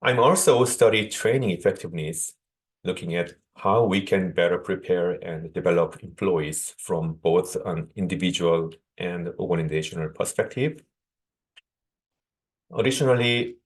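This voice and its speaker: A man from South Korea, a native Korean speaker with a Korean accent, giving a measured conference keynote over a video call with small restarts. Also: deep voice. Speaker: guest speaker, associate professor.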